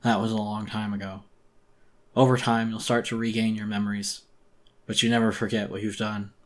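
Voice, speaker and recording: A man's voice: on the low side, flat delivery, moderate pace, close to an everyday voice. A man voicing a weary, wounded raccoon jailer who speaks in a tired, resigned way, muffled and in pain. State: in pain, breathing heavily.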